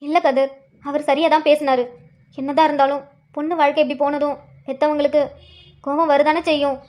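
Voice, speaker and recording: A gentle, saddened cartoon aunt, voiced by a woman speaking in a high, quick voice. She laments a quarrel in a reasonable tone. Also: flat delivery, natural voice.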